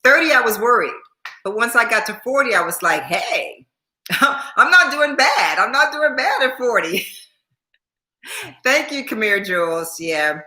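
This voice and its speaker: A woman's voice: a little high, sing-song, unhurried, long pauses, pushed and bright, echoey room. A woman in her sixties chatting casually on a livestream, repeating herself and laughing often while thanking viewers by name. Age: 60s. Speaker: YouTube host.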